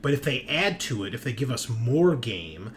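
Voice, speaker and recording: A man with a mid-range voice hosts and game-masters a tabletop roleplaying show, ranting casually and bluntly at a moderate pace. He's very animated, swears freely, and punctuates his opinions with "right?" and "okay?". A slight hiss or hum sits under the audio.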